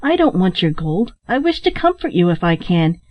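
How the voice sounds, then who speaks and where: A woman reading a gentle, soothing young man. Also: lowish voice, very animated, moderate pace. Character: kind, earnest young man comforting a stranger. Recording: dull, muffled recording.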